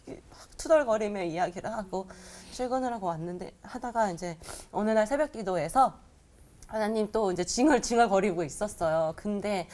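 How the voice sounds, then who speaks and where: A woman's voice: medium pitch, a little fast. A woman comedian sharing a personal testimony, telling it vividly and acting out the voices of the people in it. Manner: animated storytelling, acting out quoted voices.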